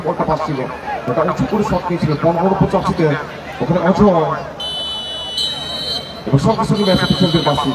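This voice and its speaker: A man giving excited, urgent live play-by-play football commentary. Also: sits high, quick pace, pauses often. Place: outdoor football ground with crowd. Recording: distant echoey outdoor PA, loud crowd.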